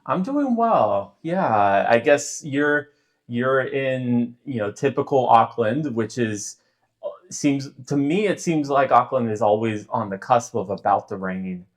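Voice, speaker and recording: A man hosting an interview, talking casually in a halting way with many fillers. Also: medium pitch, lively intonation, no room sound. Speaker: host, interviewer. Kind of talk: casual interview and vlog intro.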